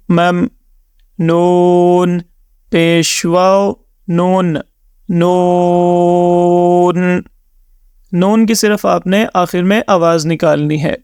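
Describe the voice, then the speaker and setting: A man teaching Quran reading, spelling words out letter by letter in long drawn-out syllables and dropping in English words. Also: high-pitched, dry recording, clean studio sound. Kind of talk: slow step-by-step recitation lesson.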